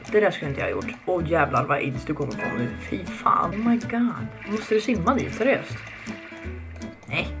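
A young woman giving casual let's-play commentary, chatty and excitable, swearing often and reading game text aloud. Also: low-pitched. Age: young adult. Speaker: gaming video creator. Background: background music.

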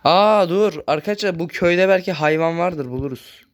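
A man hosting a gaming channel, chatting casually through his gameplay, speaking a bit loudly on purpose and constantly addressing his viewers as friends. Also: sits high, normal speed. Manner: talks loudly on purpose so the voice carries.

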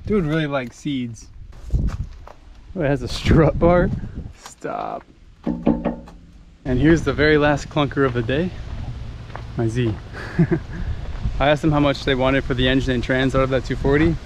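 Young Midwestern man, offhand running commentary, filmed on an action cam outdoors, clear background noise. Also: medium pitch, lively intonation, unhurried, pauses often. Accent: American Midwest. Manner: offhand, muttering car names to himself. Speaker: car vlogger. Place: outdoor junkyard, later inside a car. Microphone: handheld action camera.

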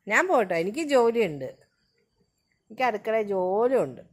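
A woman's voice: on the high side, very animated, normal speed. A woman filming her pet dog outdoors near her home gate, talking to it in coaxing, sing-song baby talk.

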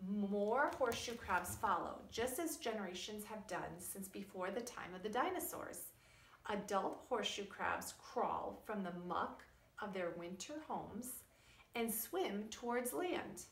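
A middle-aged preschool teacher gives young children a science lesson and reads them a story aloud, speaking in a deliberate, emphatic, teacherly way. Her medium-pitched voice is a bit bright, and the wood-panelled room, at home or school, makes the audio echoey.

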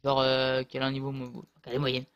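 A man's voice: medium pitch, monotone, fast talker, a bit bright, smooth, muffled recording. A man casually commentating his own online match, rambling and hesitant with many fillers and restarts, on a close desk mic.

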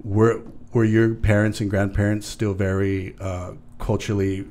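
Hosting a casual podcast interview in a small studio, this man talks into a studio mic with headphones, animated and full of restarts. His voice is lowish and darkish, delivered flatly at normal speed.

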